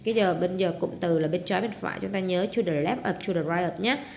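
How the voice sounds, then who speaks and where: In a homework walkthrough lesson, a woman with a Southern Vietnamese accent speaks fast in a fairly low, creaky, darkish voice. She explains each step, translating English words and finishing sentences with particles, while slight background noise runs underneath.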